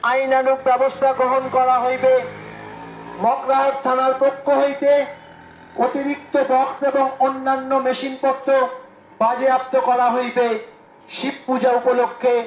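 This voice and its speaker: Man through a megaphone, very high flat voice, formal measured proclamation, echoey loudspeaker. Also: highs cut off. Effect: through a megaphone on a moving vehicle. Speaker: police announcer. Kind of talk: formal public announcement. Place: outdoors on a street. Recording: echoey loudspeaker with faint traffic.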